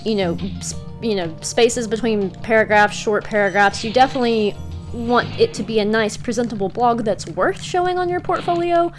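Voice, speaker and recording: A woman's voice: fairly high pitch, expressive, moderate pace, soft background music. A woman with an Eastern Kentucky accent gives casual advice in a conversational, encouraging way, as in a vlog. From Eastern Kentucky, United States. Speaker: freelance writer giving career tips.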